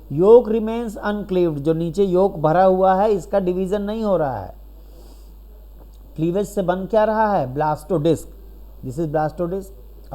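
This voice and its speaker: Man teacher with a warm, mellow voice, patient lecture style, asks and answers his own questions. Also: high voice. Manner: explains step by step, asks questions and answers them, keeps checking with "right?". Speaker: biology teacher. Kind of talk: recorded classroom lecture.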